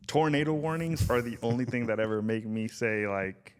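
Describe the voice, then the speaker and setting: A man's voice: medium pitch, moderate pace, clear, resonant tone. A man in his thirties from Southern California, a podcast guest telling stories in a laid-back, rambling way and calling people "dude" and "man". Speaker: podcast guest, brand founder. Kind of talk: casual podcast chat.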